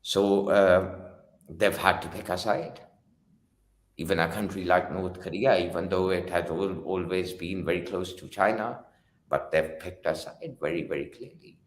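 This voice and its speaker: A man hosting a casual political discussion who talks haltingly and often repeats his opening words. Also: deep voice. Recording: roomy echo.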